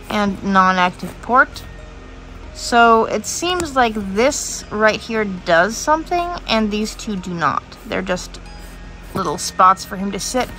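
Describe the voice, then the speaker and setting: A woman's voice: medium pitch, sharp tone. A woman with a congested, sick-sounding voice, casually chatting as she unboxes and describes a handheld toy in a vlog. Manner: chatty, unhurried, describing things as she goes. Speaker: vlogger.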